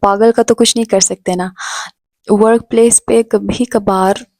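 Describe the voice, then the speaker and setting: A woman's voice: medium pitch, fairly even intonation, unhurried, a little mellow, no echo. A young woman from Pakistan telling her story in a chatty vlog, switching between Hindi-Urdu and English. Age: young adult. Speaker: vlogger.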